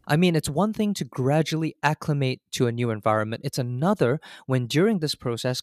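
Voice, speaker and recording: A man's voice: mid-range voice, no echo. Dry-sounding male podcast host. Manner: polished, semi-scripted questions. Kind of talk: podcast interview.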